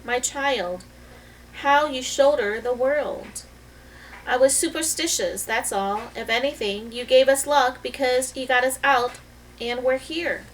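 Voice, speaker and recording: A woman reading aloud the lines of a calm, tender immigrant mother comforting her daughter. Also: high voice, measured pace, far from the mic, a little hiss or hum, low-quality recording. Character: gentle wise immigrant mother, older woman.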